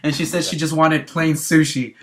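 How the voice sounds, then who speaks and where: A young man hosting a casual online interview, quick to laugh and closing with a friendly catchphrase. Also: a little high, little pitch movement, noisy background. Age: young adult. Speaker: host.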